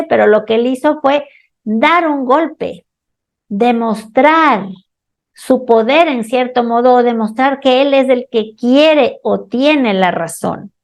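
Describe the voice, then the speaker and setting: High-voiced woman therapist hosting radio. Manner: calm, slow, addresses listener directly with questions. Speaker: host and holistic therapist. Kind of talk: scripted radio talk with examples.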